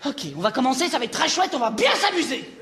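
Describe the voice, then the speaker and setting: A frazzled young schoolteacher in a comedy sketch, as a woman acts her out. She rambles and curses in a fairly high voice. A faint room ambience sits behind her. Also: expressive, quick pace, background noise. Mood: flustered. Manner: flustered, swearing and rambling. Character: flustered young female schoolteacher.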